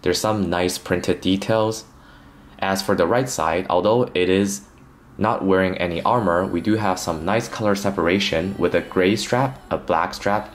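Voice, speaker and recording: A man narrating a toy unboxing review as host of his channel, earnest with light jokes. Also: deep voice.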